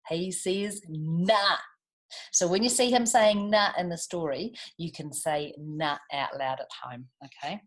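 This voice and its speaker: Reading a story aloud with animation, this storytime host has a low voice, a moderate pace, and hardly any pauses. She talks to the children listening, asking them questions and adding asides.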